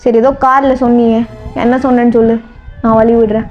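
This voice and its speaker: A woman acting out a curt, teasing young lover who bosses people around, pitched down from her own high voice into a mid register. The sound is slightly dull lo-fi with faint music underneath. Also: level tone, fairly quick, natural voice. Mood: gruff. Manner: gruff, bossy, teasing. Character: brusque teasing young man, the heroine's lover. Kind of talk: storybook role-play.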